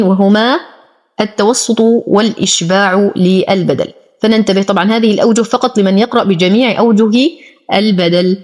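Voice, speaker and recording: A woman teaching Quran recitation, chanting words slowly and drawn out, then explaining the pronunciation rules briskly. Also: medium pitch, darkish tone. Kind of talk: tajweed lesson, recitation with rule explanations.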